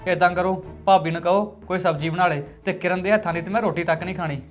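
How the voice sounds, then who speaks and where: A man's voice: high voice, fairly even intonation, fast talker, faint music behind, natural voice. A young actor playing a demanding, petulant husband who complains about his food. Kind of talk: web series drama acting.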